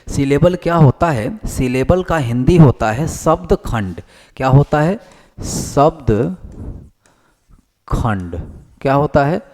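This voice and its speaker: A man teaching English basics in a classroom lecture, repeating each point back as a question and slowly dictating definitions as he writes them on the board. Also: mid-range voice, dark tone.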